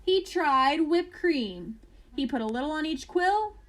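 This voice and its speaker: Slow, high-voiced woman reading a bedtime story. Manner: expressive, deliberate reading with dramatic emphasis. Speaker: storyteller reading a picture book aloud. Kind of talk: read-aloud children's bedtime story with casual asides.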